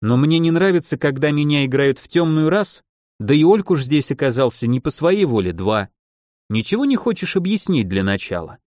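A man's voice: on the high side, very animated, moderate pace, darkish tone, no echo, studio quality, pitched above the performer's own voice. A man voicing a wary young male mage who talks bluntly.

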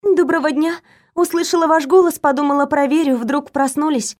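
A woman voicing a fussy, kind young female maid who chatters rapidly. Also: high-pitched, fairly even intonation, darkish tone, voice pushed up, lightly acted. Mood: cheerful.

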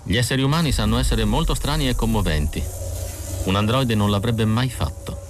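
An icy, scornful female android on the run, put on by a male narrator. The voice is lifted higher than his own deep tone and stays cold and hostile throughout. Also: fairly quick, faint music behind, natural voice. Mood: cold contempt.

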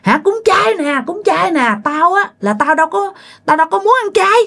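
A woman's voice: very high-pitched, animated, normal speed, vocal fry, a bit bright, voice pushed up, heavily acted. A woman voicing a raging ghost who scolds and threatens. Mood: furious. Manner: scolding, ranting, demanding. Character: angry dead husband's ghost possessing a neighbor woman.

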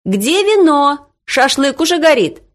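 A gossiping, carefree middle-aged mom from a storybook reading, voiced by a woman. Her voice rides high and swoops about as she chatters on. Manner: high, excited, rapid gossiping.

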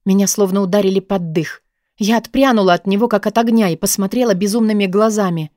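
A woman's voice: medium pitch, fast talker, darkish tone, no room sound. Woman reading an audiobook, dry. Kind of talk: audiobook narration.

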